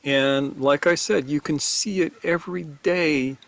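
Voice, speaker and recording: A man co-hosting a spiritual talk show, explaining ideas in a measured, emphatic way. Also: a little high, gravelly, fairly bright tone, no echo. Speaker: podcast co-host teaching on Gurdjieff. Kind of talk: reflective spiritual discussion.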